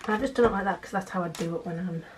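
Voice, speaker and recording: A young British woman talking quietly at night in a casual, hushed vlog style, as if others are asleep nearby. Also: fairly low pitch, very fast. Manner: quiet, hushed late-night talking so as not to wake sleeping children. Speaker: vlogger, channel host. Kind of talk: casual budgeting vlog, chatting while counting cash. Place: at home at night. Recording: clearly noisy home recording with clicks.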